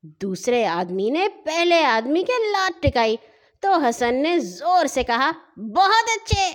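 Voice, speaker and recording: A woman narrating a children's story in an expressive storytelling manner. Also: high-pitched. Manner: expressive, sing-song storytelling.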